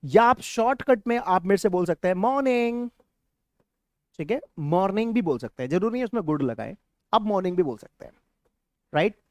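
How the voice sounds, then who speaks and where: A man teaching an English-speaking lesson to a class, animated and drilling words by repetition. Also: sits high, fairly quick, pauses often, no room sound, clean studio sound.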